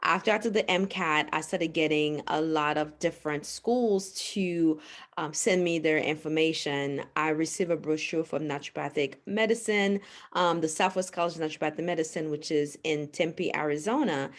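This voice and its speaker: Casting: earnest woman physician guest, somewhat low voice, explains at length. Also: moderate pace. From Haiti. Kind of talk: podcast interview.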